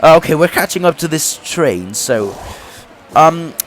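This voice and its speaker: Faint music sits behind this young man's slightly high, animated voice, which moves at a measured pace. The YouTuber mentions being sick, and his voice sounds a bit off as he narrates his racing game career race, frequently laughing and starting sentences over.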